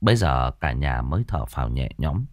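Male audiobook narrator, very low voice, lively melody, dry close sound, dramatic ghost story. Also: normal speed, no room sound.

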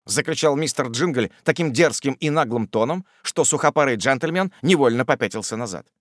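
A man reads an audiobook aloud, telling the story in a measured, expressive way. His pitch is medium, and the studio-quality recording has no room sound.

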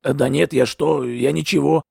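A male narrator voicing a surly, evasive river poacher who grumbles and snaps back in a rough, raspy voice. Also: fairly high pitch, fairly even intonation, measured pace, a little mellow, dry recording, clean studio sound, heavily acted. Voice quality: gravelly, raspy. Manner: grumbling, snapping back defensively.

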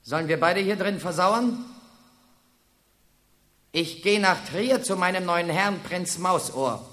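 An actor playing a sly rat who serves a prince in a radio play, speaking in a cool, matter-of-fact way. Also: male voice, sits high, takes it slowly, fairly bright tone.

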